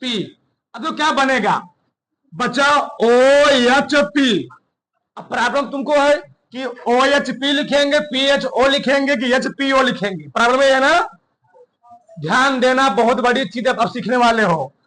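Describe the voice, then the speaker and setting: High, bright-voiced male chemistry teacher. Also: rough recording. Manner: drills students with call-and-response questions; dictates notes slowly, repeating words. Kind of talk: classroom lecture.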